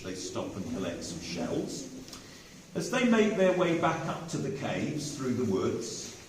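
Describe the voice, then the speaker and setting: A man's voice: fairly low pitch, a little hiss or hum. A man acting as a tour guide, explaining things to visitors underground in a cave, heard with a cave echo. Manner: lively, explanatory, addresses the group directly. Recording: echoey cave from far off with faint ambience.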